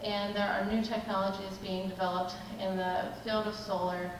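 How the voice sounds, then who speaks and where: A woman from Southern Maryland gives a halting, measured public comment, her voice staying level and unvaried. She is picked up from a distance in a large, echoing meeting room. Noise sits clearly underneath her. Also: mid-range voice, level tone. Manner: measured, halting with many ums. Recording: echoey hall from a distance, background noise.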